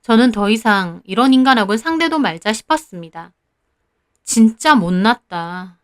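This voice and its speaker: A woman with a fairly high voice narrates her own story in the first person. Her telling is confiding and indignant, the steady pace of a spoken storybook. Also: a little fast, no room sound, studio quality.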